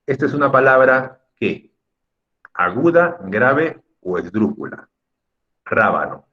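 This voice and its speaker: Male teacher on a lo-fi video call, animated delivery, patient and lightly teasing with students. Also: medium pitch, unhurried. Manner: patient, drawing out words to stress syllables. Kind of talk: online class instruction. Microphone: computer mic on a video call. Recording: muffled lo-fi video call audio.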